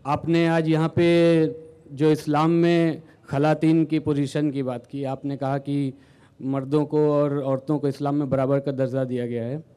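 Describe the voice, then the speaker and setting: A man's voice: a little high, flat delivery, a little slow, dark tone, clean tone. A male audience member asking a formal, polite question at a lecture. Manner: polite, formal, thanks the speaker first.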